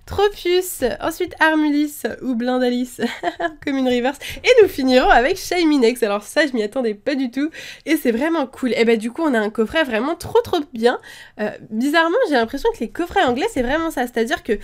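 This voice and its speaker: A woman's voice: sits high, animated, fairly quick. A woman chatting casually while opening trading card packs, thinking aloud with frequent fillers and restarts. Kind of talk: casual unboxing chat.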